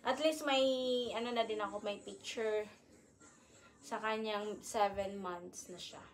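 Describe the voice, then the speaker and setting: A young woman vlogs at home as a mother, talking casually to her phone camera and cooing to her baby. She speaks at a medium pitch and an unhurried pace, indoors.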